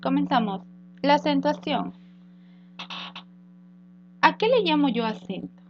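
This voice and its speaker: A woman's voice: sits high, animated, unhurried. A woman teacher giving a recorded grammar lesson, explaining step by step with rhetorical questions and small fillers. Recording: dull lo-fi with mains hum.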